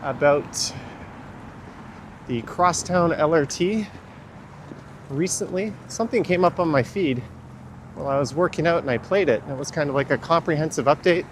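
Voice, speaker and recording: A man's voice: fairly high pitch, a little slow, long pauses. A man, sniffling from the cold, giving casual, opinionated livestream commentary while walking outdoors. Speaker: livestream host. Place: outdoors, walking along a city street in winter. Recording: clear street traffic noise outdoors. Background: traffic and urban street noise.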